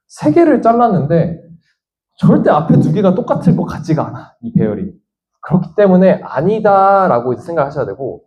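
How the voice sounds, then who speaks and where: Dull lo-fi audio captures a science lecture by a man whose voice is mellow and a bit high. Working through an example problem, he reasons out loud and poses the students' questions on their behalf.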